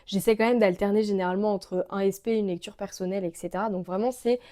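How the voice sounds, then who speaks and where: Mellow-voiced chatty young French woman. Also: medium pitch, steady tone, quick pace. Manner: chatty and gushing, many fillers. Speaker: book vlogger. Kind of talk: casual chat to camera.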